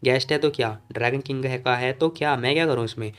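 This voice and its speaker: A man's voice: medium pitch, fairly even intonation, fast talker, a bit bright, smooth, close to an everyday voice. A man doing a taunting vengeful young hero. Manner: cold, taunting, threatening. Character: furious young male martial hero seeking revenge.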